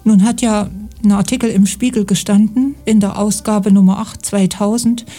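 Mellow-voiced female radio host. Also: mid-range voice, fairly even intonation, moderate pace. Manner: formal, reads questions from notes. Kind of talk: radio interview.

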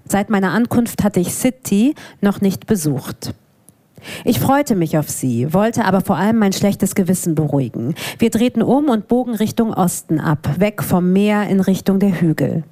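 A woman's voice: mid-range voice, moderate pace. A woman in her thirties from Hamburg, introducing herself casually and then steadily reading her own prose aloud at a live event. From Hamburg, Germany. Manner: relaxed, with fillers, reads prose steadily. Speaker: author reading from her book. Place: event venue before an audience.

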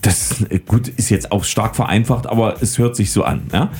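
A man hosting a podcast, telling lively anecdotes, laughing often and making sound effects. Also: on the low side, moderate pace. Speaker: podcast host. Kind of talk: casual chat.

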